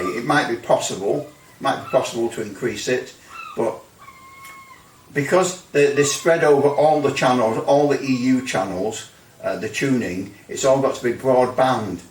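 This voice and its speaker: Demonstrating radio equipment hands-on in a casual way, a man talks at normal speed in a mid-range, slightly mellow voice. He's rambling and hesitant, with grumbling asides, heard through a distant mic in a roomy space with faint noise.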